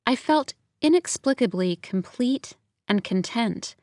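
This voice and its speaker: A woman's voice: fairly high pitch, lively intonation, a little slow, darkish tone, dry recording, studio quality. Woman narrating an intimate audiobook. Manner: intimate and reflective. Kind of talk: first-person audiobook narration.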